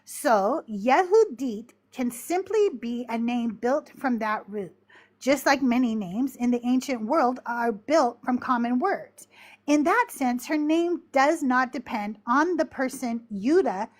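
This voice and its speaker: Woman, higher pitch, measured scripture teaching, reflective, slightly short of breath. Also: lively intonation. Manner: measured, reflective explaining with lists. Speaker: podcast host teaching on scripture. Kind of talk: live-streamed Bible study talk.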